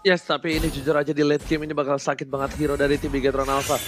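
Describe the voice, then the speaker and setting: A man with an Indonesian accent doing live esports play-by-play as a hyped, rapid-fire fighting game announcer. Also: a little high, flat delivery. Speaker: esports match caster and host. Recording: music behind the voice. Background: music.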